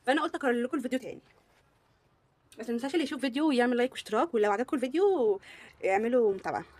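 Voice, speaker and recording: A woman's voice: fairly high pitch, animated, racing, darkish tone. A young woman with an Egyptian Arabic accent, gushing through a casual beauty product review and repeating words for emphasis. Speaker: beauty vlogger.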